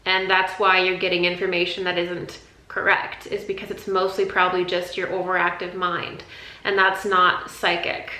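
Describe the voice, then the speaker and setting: A woman's voice: lowish voice, completely flat delivery, moderate pace, sharp tone, reverberant, rough recording. A woman giving a casual, rambling spiritual teaching talk, speaking conversationally, with frequent repeats and restarts. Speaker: intuition teacher.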